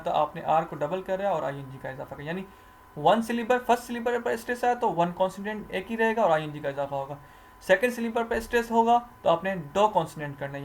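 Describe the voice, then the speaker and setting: A man teaching English grammar, explaining slowly, repeating rules and answering his own questions. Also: high voice, slight background noise. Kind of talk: recorded grammar lecture.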